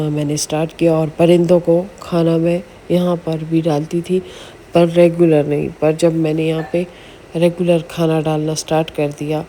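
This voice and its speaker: Low, flat-voiced woman vlogger. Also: slight background noise. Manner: earnest, chatty, with many pauses. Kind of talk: casual religious advice vlog.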